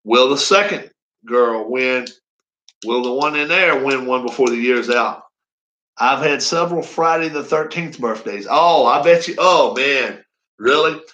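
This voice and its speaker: A man's voice: medium pitch, animated, normal speed, sharp tone, highs cut off. Rambling folksy man in his fifties. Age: 50s. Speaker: racing league streamer. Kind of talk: casual live-stream chat.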